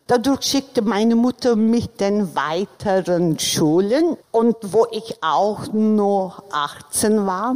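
A woman in her sixties from Turkey, a panel guest telling her story slowly, searching for her words. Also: medium pitch, darkish tone. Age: 60s. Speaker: panel guest, former businesswoman. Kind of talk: panel talk.

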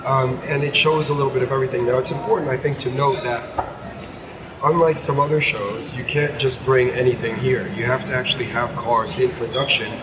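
An American man whose voice is hoarse and nearly lost, chatting casually as co-host of a car podcast. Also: medium pitch, steady tone, a little fast. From United States. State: hoarse, losing his voice. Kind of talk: casual car show discussion. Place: indoors at an auto show stand. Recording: clearly noisy auto show floor.

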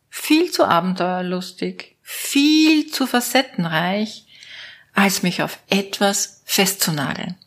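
A woman's voice: medium pitch, vocal fry, fairly bright tone, slightly rough. A woman from Austria with an Austrian German accent, musing aloud to her viewers in a playful, casual monologue as a network marketing coach. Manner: playful, musing aloud, switching between options.

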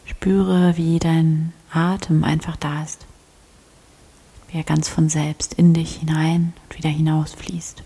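A woman leading a guided prayer meditation, speaking softly and often in a half-whisper with calm instructions. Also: low voice, takes it slowly, slightly rough. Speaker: prayer leader.

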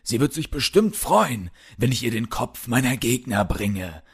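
A man voicing a huge, crazed villainous polar bear warlord in a storybook audio drama, gloating and mocking with quiet menace. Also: mid-range voice, big pitch swings, unhurried, breathy edge, heavily acted. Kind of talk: audiobook character voice.

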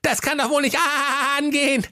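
A man's voice: steady tone, moderate pace, bright, forceful tone. A man voicing a furious old mother goat who scolds. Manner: shrill scolding, hurls insults.

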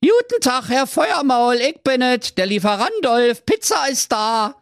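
A man voicing a sly young prince who poses as a cheery delivery man in a chirpy falsetto. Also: very animated, measured pace, dry recording, clean studio sound, heavily acted. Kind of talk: comic fairy-tale reading.

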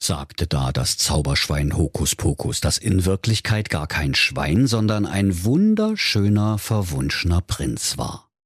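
A man's voice: low voice, big pitch swings, a little slow, husky, no echo, clean studio sound. A middle-aged man with a Saxon accent narrating a comic fairy tale playfully for children. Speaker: storyteller.

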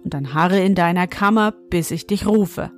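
A woman's voice: fairly low pitch, normal speed, faint music behind, natural voice. Storybook old woman, stern and commanding but kind underneath, voiced by a woman narrator. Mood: firm. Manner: firm, commanding. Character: mysterious old woman, stern yet kindly.

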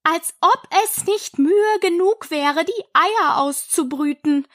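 A woman's voice: very high voice, takes it slowly, fairly bright tone, dry recording, studio quality, pitched above the performer's own voice, full character voice. A woman voicing a fretful female pigeon guarding her eggs in a storybook reading, with shrieking, indignant scolding. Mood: lamenting.

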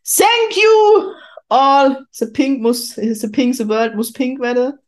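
This woman speaks slowly in a high-pitched voice as she hosts a casual, spontaneous podcast. She's a spiritual medium from Kurpfalz in southwest Germany, and her manner is effusive and exclamatory.

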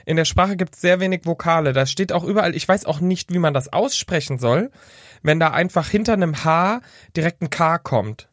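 A man's voice: fairly high pitch, lively intonation, moderate pace, a bit bright, dry recording, clean studio sound. A man co-hosting a podcast in casual chat, joking and playful. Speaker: podcast co-host. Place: home studio.

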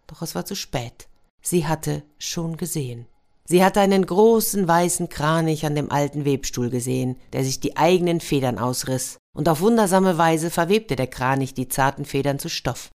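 A woman narrating a fairy tale in a lively storytelling manner. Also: low voice, normal speed. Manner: warm, lively storytelling with sound effects.

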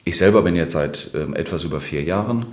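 Middle-aged male interview guest: extremely low bass, measured explanatory delivery, roomy echoing recording. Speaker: interview guest, church administration manager. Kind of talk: unscripted interview answers.

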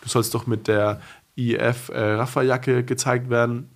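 A man's voice: medium pitch, little pitch movement, moderate pace. A young man, a pro racer as a guest, chatting casually with many restarts, fillers and emphatic bursts. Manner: rambling, frequent restarts and fillers. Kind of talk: casual podcast chat.

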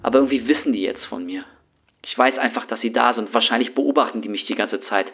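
A man playing a husky, haunted homeless guy. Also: mid-range voice, quick pace. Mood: shaken. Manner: street slang, rambling, anxious. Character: rattled young homeless man, slangy and haunted. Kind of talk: first-person horror story monologue. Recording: tinny phone-like sound.

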